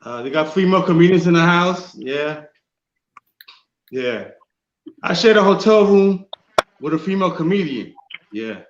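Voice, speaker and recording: A man's voice: on the high side, expressive, moderate pace, long pauses. A man firing off corny one-liners and laughing at his own puns. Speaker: pun comedian. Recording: echoey dull remote line with hiss.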